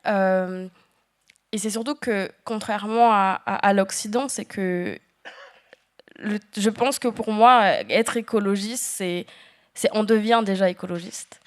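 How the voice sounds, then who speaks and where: A woman from French Guiana speaking as a panel guest, earnest and halting with frequent restarts. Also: medium pitch, fairly even intonation. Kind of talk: panel discussion talk.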